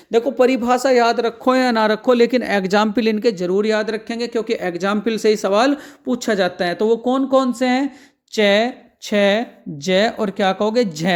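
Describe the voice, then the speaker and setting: A man's voice: very high voice, a little mellow. A man teaching an exam-prep Hindi grammar lesson, asking the students questions and answering them himself. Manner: call-and-response questioning, answering his own questions.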